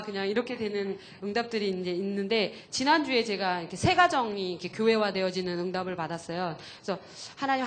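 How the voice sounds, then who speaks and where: A woman's voice: medium pitch, slight background noise. Chatty woman giving a church testimony. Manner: earnest, chatty storytelling with many fillers. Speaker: pastor's wife giving testimony. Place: church camp hall.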